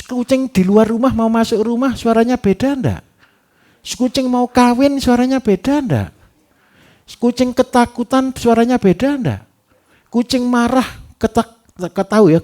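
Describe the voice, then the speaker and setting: A man giving a livestock farming workshop, lively and teasing, who keeps asking his audience rhetorical questions. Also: extremely high pitch. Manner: animated, repetitive, teasing.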